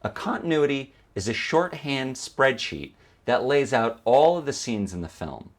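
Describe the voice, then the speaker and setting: A man's voice: mid-range voice, sing-song, measured pace. A man narrating an instructional video as a teacher, explaining step by step and posing questions that he then answers. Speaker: film editing instructor.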